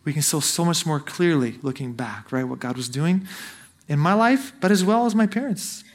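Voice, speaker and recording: A Brazilian-raised missionary in his thirties preaches from the pulpit in a notably high voice with lively intonation at normal speed. Earnest and exhorting, he keeps turning to his listeners with direct questions.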